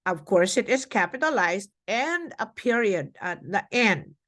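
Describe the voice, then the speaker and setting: A woman teacher explaining a classroom lesson to young children, slow and deliberate, with fillers as she goes. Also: mid-range voice, very animated, fairly bright tone.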